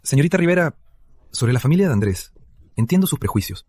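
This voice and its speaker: A man's voice: on the high side, big pitch swings, a little fast, a little mellow, no room sound, clean studio sound. An actor playing a man who earnestly and formally tries to persuade a young woman. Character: persuasive man pleading for a friend. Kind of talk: dubbed drama dialogue.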